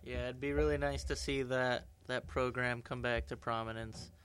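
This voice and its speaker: A man's voice: mid-range voice, fairly even intonation, moderate pace, fairly bright tone, slight background noise. A man co-hosting a podcast in casual sports chat, with wry joking asides. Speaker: podcast co-host.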